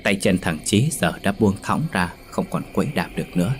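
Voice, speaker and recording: A man narrating a horror story in steady, dramatic storytelling. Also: low voice, a little fast, faint music behind.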